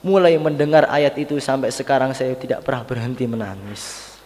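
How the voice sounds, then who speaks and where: A man preaching a sermon in storytelling style, building to loud, emphatic peaks and repeating phrases for effect. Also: medium pitch, fairly quick, a little hiss or hum. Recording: reverberant hall.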